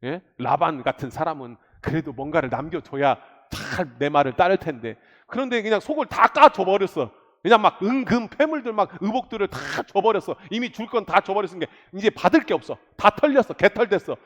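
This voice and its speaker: A male pastor preaching a midweek sermon, animated and constantly questioning his congregation. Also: high voice, a little fast, hardly any pauses. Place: church sanctuary. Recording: echoey church hall.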